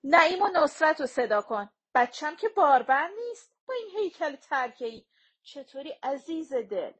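A woman's voice: high voice, very animated, pitched above the performer's own voice. A woman voicing a bossy, doting, vain elderly grandmother in an audiobook, giving orders and fussing over her grandchild.

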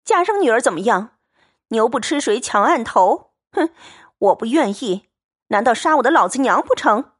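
A woman voicing a defiant young maid, sharp and scolding in an audiobook reading. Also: a little high, sing-song, moderate pace.

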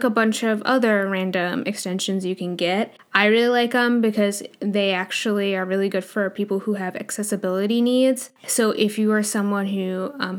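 A woman with a noticeable lisp hosting a podcast, talking casually and informally with plenty of "like" as filler. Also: mid-range voice. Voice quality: strong lisp. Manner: informal, filler-heavy with frequent "like". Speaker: podcast host. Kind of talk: casual chatty podcast monologue.

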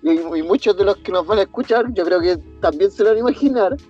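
A man's voice: high-pitched, fast talker, a little mellow, dull audio, soft background music. A young man with a Chilean accent hosting a podcast, reacting to a guest's story in a slangy, joking way with plenty of swearing. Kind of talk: casual chat.

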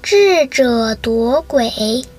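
Woman narrator for scripted folk tales; high, breathy, very slow delivery. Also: lively intonation, darkish tone, faint music behind. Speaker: storyteller.

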